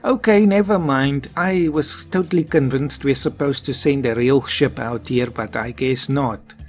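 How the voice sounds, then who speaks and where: A man's voice: medium pitch, measured pace. A man commentating his own gameplay, musing and thinking aloud as he plays. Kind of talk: let's play commentary. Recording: faint game music behind.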